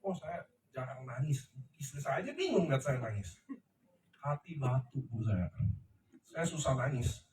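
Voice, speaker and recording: A man's voice: medium pitch, sing-song, normal speed, long pauses, a little mellow, distant mic, a little hiss or hum. A middle-aged man giving an emphatic, preachy motivational talk to a seated audience, often checking that they understand. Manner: emphatic, preachy, asks the crowd "ngerti ya?". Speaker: company leader speaking to his team. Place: large room before a seated audience. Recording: echoey room, voice off-mic.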